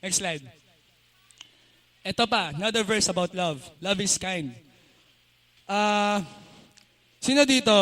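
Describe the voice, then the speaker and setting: High-voiced young Filipino man preaching casually. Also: bright, forceful tone. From Philippines. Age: young adult. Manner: chatty, laughs often, switches between Tagalog and English. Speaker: youth speaker. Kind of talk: casual youth sermon. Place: church youth service hall.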